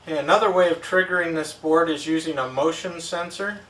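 A middle-aged product demonstrator with a voice on the high side, fairly quick and a bit bright, runs a casual, plain-language, step-by-step demo. It takes place at an indoor tabletop setup with a backdrop, recorded through a distant mic that's echoey with background noise.

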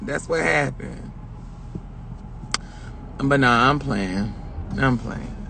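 A woman's voice: extremely low pitch, animated, very slow, gravelly. A woman hosting a casual live stream from inside her car on a phone, talking in a brash, joking, profane way. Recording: car noise behind.

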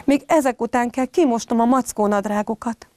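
A woman's voice: on the high side, a little mellow, dry recording, voice pushed up, natural voice. A hard-working mother bear from a storybook, tired and flustered, who exclaims and scolds her cubs. A woman reads her in a voice close to her own.

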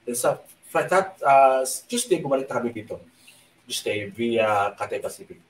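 A man hosts a casual live stream, rambling through a story with many fillers and restarts. He keeps his voice low on purpose. The sound is roomy, and he sits back from the microphone. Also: animated, normal speed, far from the mic. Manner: speaks softly on purpose at night. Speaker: online show host.

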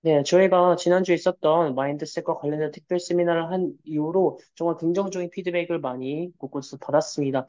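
Interpreter, man, formal polite delivery with hesitations; rapid and slightly high, dull lo-fi recording. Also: darkish tone. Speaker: Korean interpreter. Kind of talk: consecutive interpreting in a webinar.

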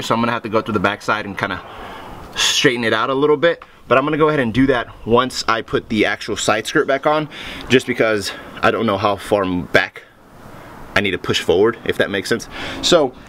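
A man's voice: medium pitch, fairly quick, slight background noise. Chatty man working on his car. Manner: relaxed, chatty, explains as he works. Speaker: car project vlogger. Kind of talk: casual garage vlog.

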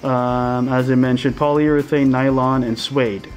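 A man speaks through a face mask in a casual review, his voice at an ordinary middle pitch. He is chatty and fills pauses with ums and quick restarts. Faint music plays behind him. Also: level tone. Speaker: vlogger reviewing a product.

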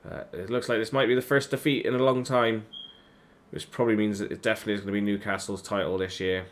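Male gamer, lower voice, live reaction commentary, swears and rants at his players. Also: level tone, quick pace. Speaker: gaming YouTuber. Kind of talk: live reaction commentary over a football management game.

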